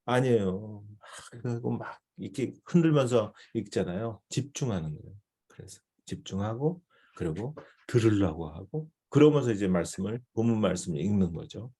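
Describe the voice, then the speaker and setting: A man's voice: fairly low pitch, expressive, normal speed, dark tone, breathy edge. A male missionary teaching a devotional seminar in a conversational way, often checking in with his listeners.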